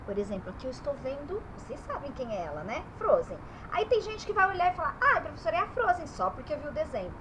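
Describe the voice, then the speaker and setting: A woman's voice: sits high, very animated, fast, hardly any pauses, noisy background. A woman teaching young children about letters and vowel sounds in her bedroom, stretching the vowels as she speaks.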